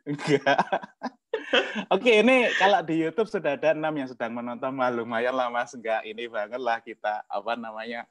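A man hosting a casual livestream chat, joking, laughing often and filling pauses. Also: mid-range voice, fairly bright tone, no room sound. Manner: jokey, laughs often, many fillers. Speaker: host.

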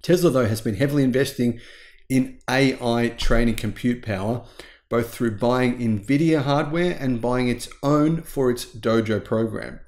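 A man in his forties hosts casual tech news commentary from a small home studio. He talks with eager emphasis and drawn-out words for effect. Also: mid-range voice, a little mellow. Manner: enthusiastic, emphatic, stretches key words.

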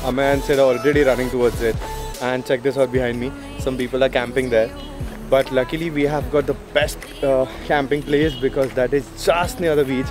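Holding the camera selfie-style at a beach campsite, a young man in his twenties with an Indian English accent vlogs his travels, talking casually to the "guys" watching, with frequent uh's. Music plays under his mid-range, fairly even voice, which moves fairly quickly through the camera mic.

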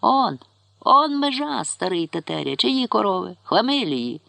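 A man voicing a drunk, violent farm chairman on horseback who shouts coarse threats. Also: medium pitch, big pitch swings, normal speed, vocal fry, no echo. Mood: furious.

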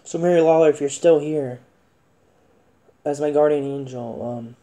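A man hosting a spirit box session, asking questions in a halting, repetitive, insistent and casual way. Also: on the high side, dark tone. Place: indoor room with wooden floor.

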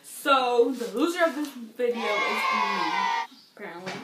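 A woman's voice: a little high, animated, measured pace, a bit bright, distant mic, a faint crowd. A young woman chatting casually as a guest on a vlog. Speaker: guest in sibling challenge video. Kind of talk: casual chat. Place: small indoor room, camera at short distance. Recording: echoey room, noisy background.

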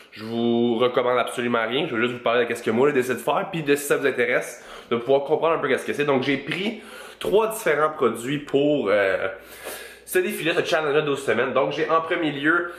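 Québécois fitness coach, roomy vlog sound. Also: male voice, medium pitch. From Quebec. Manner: relaxed slang, mixes in English words. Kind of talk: casual vlog chat. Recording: roomy echo.

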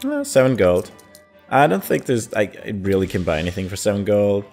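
Low-voiced man thinking aloud over a game. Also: sing-song, brisk, creaky, darkish tone, faint music behind. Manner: hesitant, thinking aloud with fillers. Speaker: gamer. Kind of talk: casual gameplay commentary.

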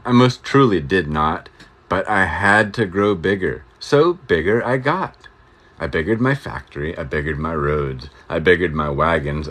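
A man reading a rhyming storybook aloud as a storyteller, with a rhythmic, expressive delivery. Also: low voice.

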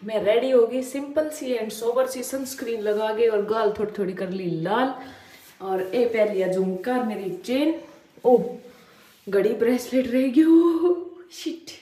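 A woman's voice: fairly high pitch, measured pace, warm tone. A young woman in her twenties with a Rajasthani accent, chatting playfully and teasing as a vlogger while riding in a car. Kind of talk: casual vlog chatter. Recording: roomy sound with faint background noise.

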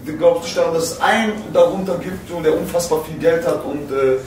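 A man's voice: on the high side, brisk, a little mellow, very echoey, distant mic, a little hiss or hum. A young man from Iran pressing with questions in a debate, recorded from afar. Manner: probing, questioning. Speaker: rapper, host. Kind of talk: heated debate. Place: studio set with armchairs, indoors.

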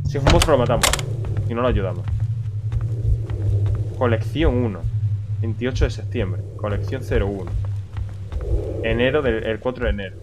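A man with a Spain Spanish accent streaming a horror game live, talking to himself, swearing and startling easily. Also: on the low side. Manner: jumpy, swears often, talks to himself while playing. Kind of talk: live gameplay commentary. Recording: loud background noise.

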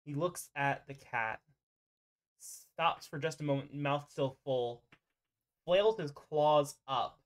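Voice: medium pitch, slow. A game master narrating a tabletop roleplay over an online group voice call and voicing non-player characters.

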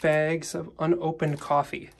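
A man quietly commenting as he walks through an abandoned hotel, remarking on the things left behind, recorded on a handheld phone camera. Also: little pitch movement, measured pace, background noise. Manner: low-key, remarks on found objects. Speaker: urban explorer. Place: abandoned hotel, indoors, walking through rooms.

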